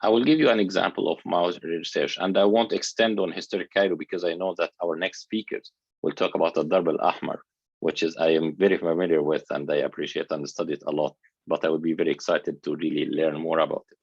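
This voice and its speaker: Low gravelly man lecturing haltingly. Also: steady tone, no room sound, muffled recording. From Egypt. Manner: earnest, halting with frequent restarts. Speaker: architecture researcher giving a talk. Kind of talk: conference lecture.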